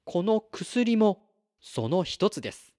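A man voicing a polite, clever boy from a star in a storybook read-aloud, speaking formally and calmly. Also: high voice, takes it slowly, pitched above the performer's own voice, exaggerated voice. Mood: earnest. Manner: formal, courteous, calm.

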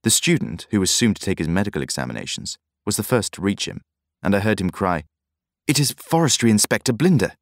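A man narrating an audiobook in a measured, even storytelling manner. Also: low-pitched, dry recording, studio quality. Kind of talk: scripted narration.

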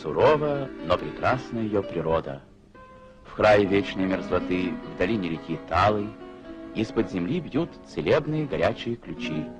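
A man's voice: low voice, big pitch swings, moderate pace. A man reading the narration of an old 1950s newsreel in a solemn, declamatory manner. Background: plucked guitar music.

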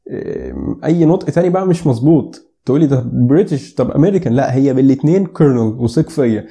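Young Egyptian man, quick and playful lesson host, very dark mellow tone, drills each word slowly. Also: medium pitch, expressive, creaky. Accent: Egyptian Arabic. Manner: joking, playful asides; repeats words slowly to demonstrate. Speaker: English pronunciation teacher. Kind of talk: casual video lesson.

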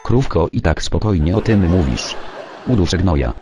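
A man's voice: sits low, expressive, moderate pace, over music. A man voicing a jealous, hot-tempered middle-aged husband who blusters and threatens. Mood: blustering. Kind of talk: amateur comedy voice acting.

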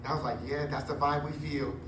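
A man in his forties preaching a sermon on a church stage into a handheld mic, chatty and animated with joking asides. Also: mid-range voice, fast talker, distant mic. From Puerto Rico heritage. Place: church stage with curtain backdrop. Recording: echoey room, recorded from afar, noisy.

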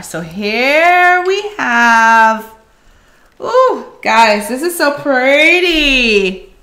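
A middle-aged craft livestream host chats casually with viewers from home, addressing them as "guys" while working on a tutorial. Her voice sits a little high and sounds pushed and bright.

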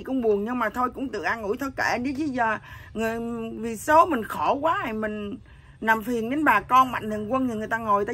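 Middle-aged woman, husky ambiguous voice, blunt earthy storyteller. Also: a little high, pushed and bright. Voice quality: husky voice that sounds neither male nor female. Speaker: interviewee. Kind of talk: candid emotional chat.

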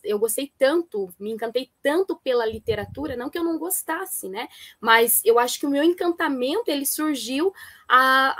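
A woman's voice: high voice, no room sound, rough recording. A woman teacher guest telling, earnestly and fondly, what led her to teaching. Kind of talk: casual interview answer.

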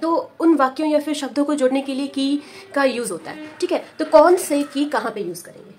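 High-voiced woman giving a patient Hindi lesson. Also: darkish tone. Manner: patient, repeats key words slowly, says "ठीक है" often, mixes English words. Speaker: preschool teacher. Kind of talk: Hindi lesson for parents, explaining at a board.

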